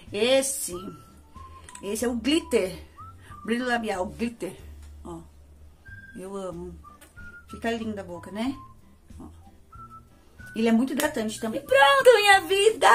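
With a medium-pitched, darkish voice and a Brazilian Portuguese accent, a beauty vlogger chats affectionately about makeup. She addresses her viewers directly as "amores" and "gente," keeping the review casual.

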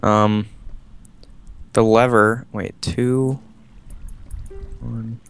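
A man's voice: on the low side, level tone, very slow, vocal fry, clean tone, soft background music. A man playing a game with friends, chatting casually and reading in-game text aloud dramatically. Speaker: game player. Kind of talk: casual gaming chat.

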